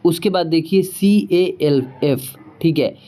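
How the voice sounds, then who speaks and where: A man's voice: a little high, warm tone, slight background noise. A man teaching spelling rules. He asks rhetorical questions, answers them himself and often checks whether his students understood. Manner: spells out words letter by letter, slowly. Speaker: English teacher.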